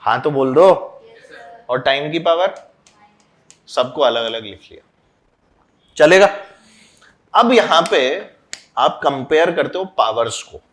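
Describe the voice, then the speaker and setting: A man's voice: fairly high pitch, animated, takes it slowly, long pauses. A man teaching a physics class, quizzing and scolding students as he mixes in English terms. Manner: loud, scolding and urging. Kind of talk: classroom lecture.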